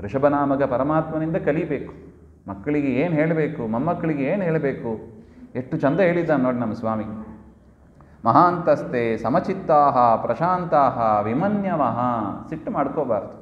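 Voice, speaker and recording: A man's voice: on the high side, fairly quick. A man giving a devotional discourse, often asking his listeners questions and answering them himself, and now and then chanting Sanskrit verse. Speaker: religious discourse speaker. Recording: echoey hall, dull lo-fi sound.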